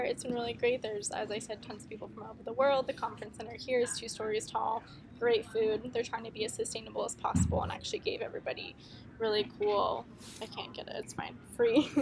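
A woman's voice: fairly high pitch, creaky. A young woman in her twenties, a student chatting with many ums as she explains things on a camera held at arm's length inside a big conference hall. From United States. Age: 20s. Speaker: student reporter. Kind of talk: casual video update to classrooms. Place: indoors at a large conference hall. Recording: noisy conference hall background.

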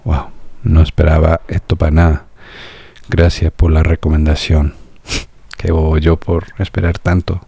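A young man with an American accent, a native English speaker, muses aloud in a casual reaction vlog, pausing to ask himself questions and restarting his sentences as he thinks. His voice sits very low and sounds mellow. The recording is dry and close, with no room echo. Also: monotone, creaky, slightly rough. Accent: American, speaking Spanish. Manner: thoughtful, searching, with restarts and musing questions. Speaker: music reaction vlogger. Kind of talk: casual reflective monologue.

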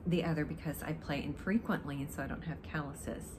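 An older woman with a low voice and a dry throat talks casually and reminiscently, wandering from one thought to the next. She is recorded in a living room at home, with clear noise in the background. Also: fairly quick. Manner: rambling, reminiscing. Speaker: amateur guitarist introducing a song. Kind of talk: casual chat to camera. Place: living room, indoors, on a sofa.

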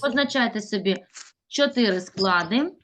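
A woman's voice: mid-range voice, lively intonation, normal speed, fairly bright tone, a little hiss or hum. A woman teaching a classroom lesson, stretching out words as she dictates and coaxing pupils with questions. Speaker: primary school teacher.

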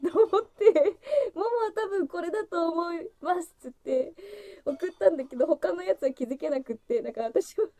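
A woman's voice: expressive, fairly quick, mellow, dry recording. A woman in her thirties hosting a casual solo livestream, chatting freely and breaking into laughter often. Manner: chatty and giggly, breaks into frequent laughter, voice jumping high. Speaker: livestream host opening fan gifts.

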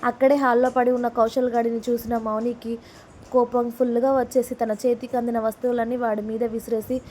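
Woman reading a story in a dark, flat voice. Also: fairly high pitch, fairly quick, slight background noise. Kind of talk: reading a story aloud, voicing all characters herself.

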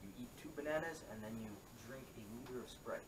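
A man's voice: mid-range voice, fast talker. A young adult man making casual joking asides, some way from the camera in a small bedroom. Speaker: challenge participant. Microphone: camera a few metres away. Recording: distant, echoey camera mic, faint noise.

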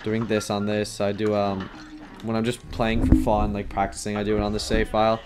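A man's voice: on the low side, completely flat delivery, fairly quick, a little mellow. A young man giving casual commentary while streaming a hard game, chatty and self-deprecating, with many fillers and sudden yelps. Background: game music.

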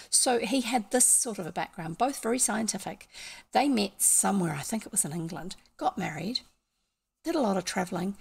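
An older New Zealand woman with a husky, darkish, mid-range voice and vocal fry chats casually on a home stream, telling stories and explaining things with many digressions. She's indoors in a small room at home, speaking in a New Zealand accent.

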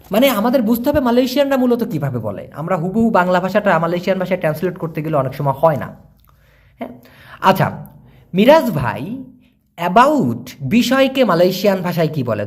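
Guy answering viewer questions on language, lively up and down voice, says words over slowly. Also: high voice. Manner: explains patiently, repeats words slowly for learners. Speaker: language teacher.

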